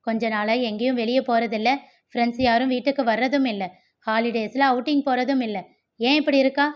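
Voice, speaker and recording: A woman's voice: on the high side, fairly even intonation, fairly quick, dull audio, lightly acted. A woman voicing a stern, protective young man, an older brother who talks firmly and questions everyone. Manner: firm, questioning, commanding.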